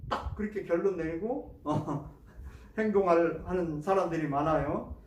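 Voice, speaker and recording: The sermon comes from a male pastor whose voice is fairly high and a little slow. He questions the congregation and acts out prayers and complaints in a church sanctuary, captured by a distant mic with roomy acoustics.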